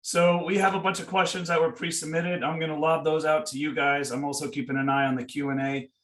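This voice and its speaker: A man moderates a video-call panel for a school information session, sounding easygoing and casual with frequent "uh"s and "um"s. His voice is fairly high with little pitch movement and a slightly fast pace. The recording is echoey, with him sitting away from the mic.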